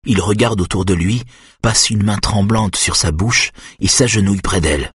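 A man reading a suspense novel aloud in measured, even narration. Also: on the low side, breathy edge, dry recording, clean studio sound. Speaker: audiobook narrator. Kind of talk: scripted narration.

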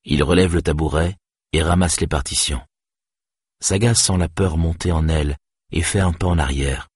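Deep, husky male audiobook narrator. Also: moderate pace, a little mellow, no echo, clean studio sound. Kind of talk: scripted narration.

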